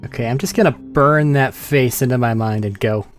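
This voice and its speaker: A man with a mid-pitched voice plays a tabletop game and chats casually. He talks in a dry, joking way. Faint music sits behind him. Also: normal speed. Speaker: player.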